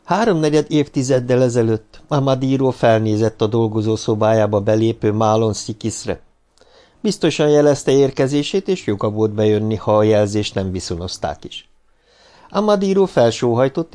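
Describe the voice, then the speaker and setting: A man narrating a novel as an audiobook reader, in a measured, even reading. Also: lowish voice. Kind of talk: scripted narration.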